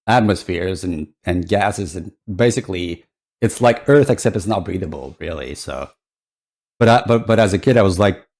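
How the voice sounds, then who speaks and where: A man's voice: deep voice, moderate pace, a little mellow. A man giving casual reaction commentary as a streamer, in a hesitant, rambling way. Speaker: VTuber streamer.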